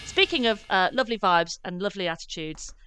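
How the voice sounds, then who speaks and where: A woman, co-hosting a podcast in casual, animated chat. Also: mid-range voice, brisk, faint music behind. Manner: chatty, animated, laughing asides. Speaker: podcast co-host.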